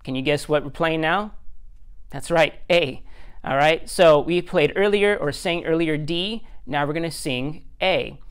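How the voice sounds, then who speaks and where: A man's voice: a little high, a little slow, smooth. A man as a music teacher, giving a recorded lesson step by step, counting beats aloud in a patient, self-deprecating way.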